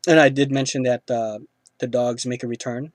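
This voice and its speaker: A man's voice: medium pitch, fairly even intonation, normal speed, no echo. A man hosting a casual film review, rambling with lots of fillers and restarts.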